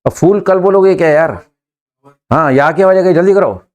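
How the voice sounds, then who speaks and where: A man's voice: sits high, brisk, darkish tone. Encouraging male teacher drilling a class. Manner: coaxing and encouraging, prompts students and makes them repeat. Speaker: English teacher. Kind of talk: classroom lesson drilling sentence translation.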